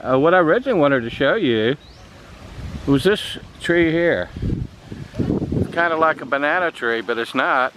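An older American travel vlogger strolls through a tropical garden holding his camera, casually pointing things out. His voice is on the high side and fairly bright, with lively intonation, a moderate pace and long pauses. The handheld camera mic picks up outdoor noise.

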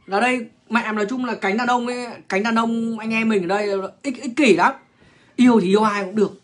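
A man's voice: high voice, quick pace. A man, ranting bluntly and crudely to viewers on a livestream. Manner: crude, profane, blunt, lecturing.

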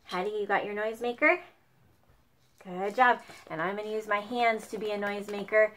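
A young woman leading a children's song lesson at home with a slow, sing-song, cheerful teacher voice. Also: mid-range voice, fairly even intonation, fairly bright tone. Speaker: children's music leader. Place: home dining room.

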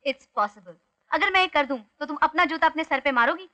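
Young woman, film comedy heroine; high, crisp, playful teasing tone. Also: fairly quick, bright, forceful tone. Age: young adult. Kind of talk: Hindi film comedy acting.

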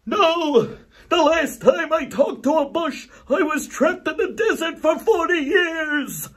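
A man voicing a panicked old prophet who yells high and loud while running away. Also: expressive, slow pace, exaggerated voice. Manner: high shouted yelling.

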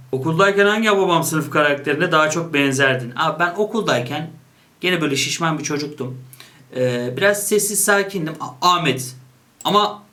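Playful young man, slightly higher voice. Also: bright, forceful tone. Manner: reads options aloud and jokes about each; playful, quick to laugh. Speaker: YouTuber. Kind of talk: casual chat while taking an online quiz.

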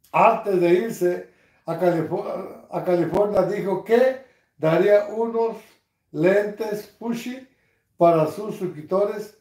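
A man, hosting a casual livestream from his couch, reading comments with crude, mocking humor and bursts of loud laughter. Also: sits high, reverberant. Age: 60s. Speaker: livestream host. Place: living room, seated on a couch at home.

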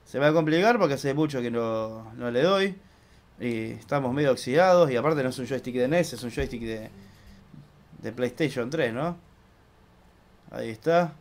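A young man with an Argentine accent hosting a casual let's-play, chatty and excitable, swearing loudly when he fails. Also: medium pitch, a little slow, pauses often. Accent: Argentine Spanish. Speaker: gaming channel host.

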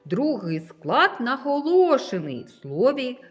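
Slow, lively-voiced woman teaching children. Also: sits high, soft background music. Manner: slow, clear, carefully enunciated sounds for children. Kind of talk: children's literacy lesson.

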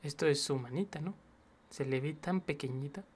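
A young man hosting a reaction video, chatting casually and excitedly, slipping English slang into his commentary. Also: a little high, moderate pace, noisy background.

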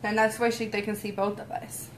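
A woman's voice: medium pitch, little pitch movement, fairly quick, a little hiss or hum. A young woman chatting casually with her viewers on a livestream, giggly and talkative. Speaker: vlogger.

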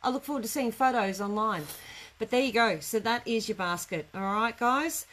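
A woman's voice: a little high, moderate pace, fairly bright tone. A middle-aged woman chats informally and a bit ramblingly as she teaches a live craft class. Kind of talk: casual live tutorial chat. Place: indoor craft studio workroom. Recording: noticeable room background noise.

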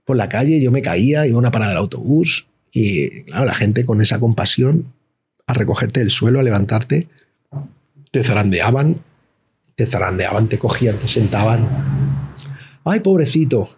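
Gravelly man telling street stories. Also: lowish voice, normal speed. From Madrid, Spain. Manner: slangy, animated storytelling with acted-out voices. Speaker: guest, rapper. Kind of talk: casual interview chat.

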